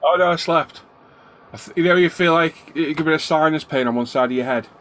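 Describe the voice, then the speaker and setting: In a slightly high, fairly bright voice, a middle-aged man chats quickly on a casual live stream from his hobby room, calling out to viewers by name. He sounds congested from a developing cold, with a bit of background noise.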